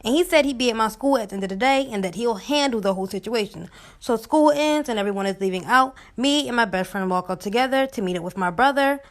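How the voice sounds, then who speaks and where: A woman's voice: on the high side, fast talker. A woman recounting a personal story in a casual storytime.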